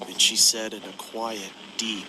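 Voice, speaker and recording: A man narrating an animated horror story in a flat, even storytelling manner. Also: lowish voice, unhurried, noisy background.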